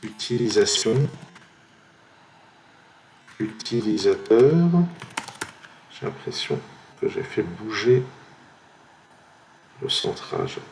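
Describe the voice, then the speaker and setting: A French man thinking aloud, slowly trying one word after another while playing a word-guessing game at his computer. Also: lowish voice, vocal fry, a little hiss or hum. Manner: slow, musing, trails off while guessing.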